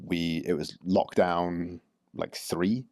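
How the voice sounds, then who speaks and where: A man's voice: low voice, steady tone, slow, a little mellow, dry recording, studio quality. A man, a fitness coach, co-hosting a casual podcast chat and rambling with many restarts.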